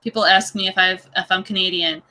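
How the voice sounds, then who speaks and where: A woman podcast host with a Californian accent, chatting casually and telling stories in an animated way. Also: mid-range voice, fairly quick, a little hiss or hum, rough recording. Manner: animated storyteller.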